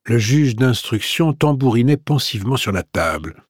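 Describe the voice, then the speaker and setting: A man narrating a detective story in an audiobook, with a measured, even reading. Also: medium pitch, no room sound, studio quality. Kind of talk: scripted narration.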